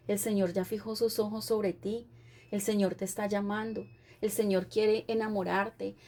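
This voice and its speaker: A woman's voice: mid-range voice, dark tone. A woman pastor preaching a sermon with an earnest, repetitive cadence.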